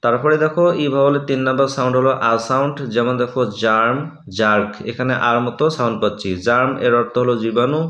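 Man teaching a slow spoken lesson. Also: mid-range voice, steady tone, fairly bright tone. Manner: explains step by step, says example words slowly one at a time. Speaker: English teacher. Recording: roomy, dull lo-fi sound.

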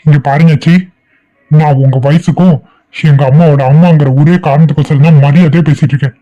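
A man's voice: fairly high pitch, fairly even intonation, a little fast, lo-fi sound, lightly acted. A man voicing an angry young husband in a cartoon family drama, stern and indignant toward his elders.

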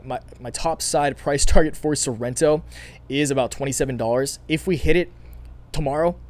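A young man with a raspy, worn-out voice talks quickly through his stock trades. He rambles and circles back, piling on fillers as he explains his picks in a casual market vlog. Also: mid-range voice, darkish tone. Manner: rambling, repeats himself, many fillers. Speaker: stock market video host.

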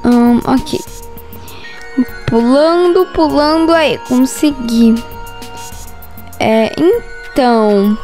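High-voiced Brazilian woman narrating gameplay. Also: very slow, long pauses, soft background music. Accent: Brazilian Portuguese. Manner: excitable, squeals and giggles when scared. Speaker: gaming channel host. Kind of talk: casual gameplay commentary.

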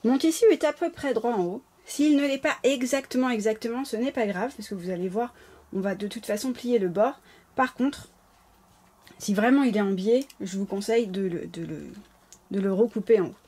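A woman with a slight lisp hosts a craft tutorial, walking through the steps informally and apologetically. Her voice is fairly high and darkish in tone at a moderate pace, captured by a camera set close above the work table.

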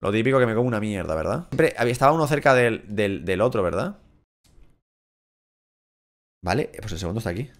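A young man from Spain speaks with a Spain Spanish accent, commenting on a video game as he plays. His pitch leaps all over the place as he swears, shouts at the screen and drops back into muttering. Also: a little fast, long pauses. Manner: excitable, crude, swears a lot, shouts at the game. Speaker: gaming YouTuber. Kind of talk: casual Let's Play commentary.

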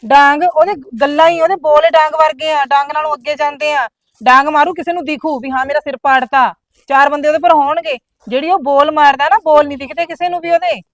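Woman playing aggrieved younger sister, middle-aged, rapid grievances, dry close sound. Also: sits high, steady tone, no echo, lightly acted. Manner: complaining, rapid-fire grievances. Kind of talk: village family drama acting.

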